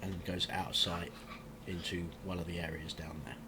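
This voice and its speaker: A man acting as game master, narrating a tabletop game with a mix of halting improvisation and read-out description. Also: low-pitched, little pitch movement. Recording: faint background noise.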